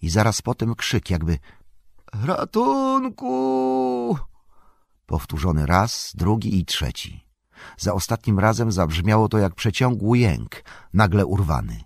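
A man reading a fantasy novel aloud as an audiobook narrator, in measured, expressive storytelling. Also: low-pitched, slightly rough, no room sound, studio quality.

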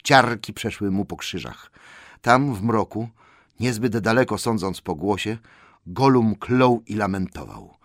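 A man reading an audiobook aloud in an expressive style that builds suspense. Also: fairly low pitch, measured pace, no echo, clean studio sound. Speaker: audiobook narrator. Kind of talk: dramatic audiobook narration.

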